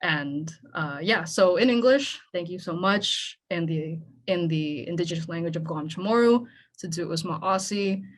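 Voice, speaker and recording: A young adult woman from the Philippines, a native Tagalog speaker, gives an earnest, conversational talk at a panel event, often tossing in "right?". Her voice is lowish and her pace moderate.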